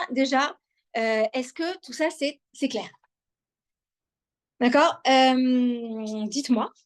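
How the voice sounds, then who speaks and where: High-voiced woman giving an online talk. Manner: warm, repetitive, addresses listeners directly; frequent hesitations and restarts. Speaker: lecturer on wellbeing. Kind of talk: live online talk to an audience.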